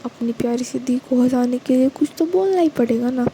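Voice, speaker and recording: A woman's voice: high voice, a little fast, mellow, slight background noise, poor audio. A woman voicing Vrinda, a teasing young woman. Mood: reassuring. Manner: reassuring and playful.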